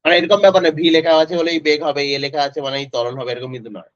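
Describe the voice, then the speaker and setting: A man's voice: fairly high pitch, very fast, no room sound. A male physics tutor, teaching an online class in a casual way and quizzing students by name. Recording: dry, slightly dull lo-fi audio.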